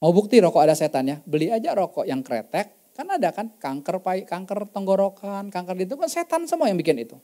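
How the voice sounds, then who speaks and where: A man's voice: high voice, sing-song, brisk, hardly any pauses, warm tone. A man pastor preaching a church sermon, telling testimony stories in an emphatic, conversational way. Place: church service.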